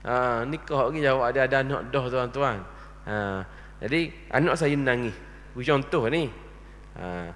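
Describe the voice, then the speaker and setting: Male mosque lecturer, 30s, fairly high voice, fires and answers his own questions, recorded in a reverberant prayer hall. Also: a bit bright. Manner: rhetorical questions answered himself, checks understanding. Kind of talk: religious lecture. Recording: long reverb of a large hall.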